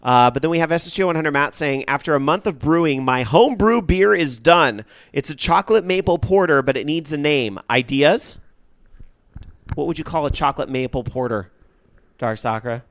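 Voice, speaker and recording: A man hosting a casual gaming radio show, reading tweets and taking calls, his voice jumping up when excited. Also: on the high side, moderate pace, no echo. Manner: excitable, voice jumps up when happy. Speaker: podcast host.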